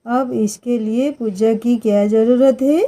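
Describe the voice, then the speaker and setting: A woman's voice: on the high side, steady tone, a little slow, warm tone, lightly acted, low-quality recording. A woman voicing a young wife who argues and stands her ground in a storybook reading. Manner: pleading then defiant.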